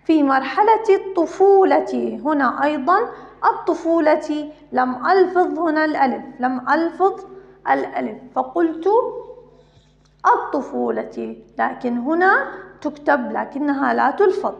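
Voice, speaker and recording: A woman's voice: high-pitched, expressive, moderate pace, vocal fry. A woman teacher giving a recorded grammar lesson to young children, explaining patiently step by step and asking repeated questions. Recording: echoey room, dull lo-fi sound.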